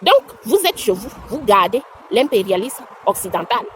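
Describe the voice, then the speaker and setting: A woman's voice: mid-range voice, sing-song, moderate pace, slight background noise, low-quality recording. A woman from Cameroon delivering a combative, scolding social media rant, often repeating herself. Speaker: vlogger.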